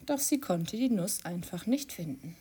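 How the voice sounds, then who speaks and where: Expressive woman reading a children's story. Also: medium pitch, moderate pace, breathy edge. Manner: expressive, sing-song.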